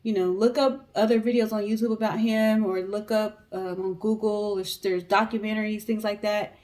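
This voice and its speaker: In a mid-range, slightly mellow voice, an American woman recounts true crime as co-host of a storytelling show, at normal speed and with fairly even intonation. She keeps it casual and colloquial and speaks to viewers directly.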